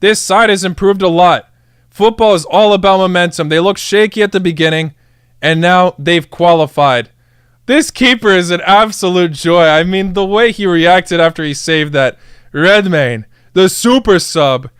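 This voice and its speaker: Young male streamer, excited match reaction, high smooth voice, dry. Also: moderate pace, dry recording. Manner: hyped, chants and cheers, addresses chat as guys. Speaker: football streamer reacting live.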